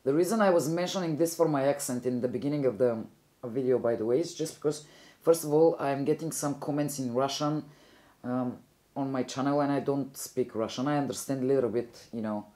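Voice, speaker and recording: A young Bulgarian woman with a very deep, warm voice and a Bulgarian accent talks fairly quickly through a makeup tutorial. As a beauty vlogger, she's chatty and rambling, often correcting herself mid-sentence.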